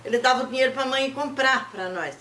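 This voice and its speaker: An older woman with a Brazilian accent, telling family stories in a lively way and acting out the people she quotes. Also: high-pitched, brisk, reverberant, a little hiss or hum. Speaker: interviewee. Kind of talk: oral history storytelling.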